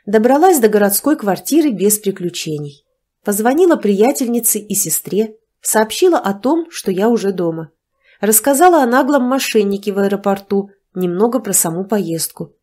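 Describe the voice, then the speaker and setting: A woman's voice: mid-range voice, expressive, moderate pace, warm tone. Woman reading a first-person story. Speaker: audiobook narrator. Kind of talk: first-person audiobook narration.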